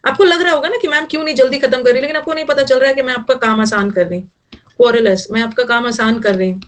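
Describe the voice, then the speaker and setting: A woman's voice: high voice, fast talker, far from the mic. Middle-aged woman teaching vocabulary, joking. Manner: mixes Hindi and English, jokey memory tricks. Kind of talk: online vocabulary class.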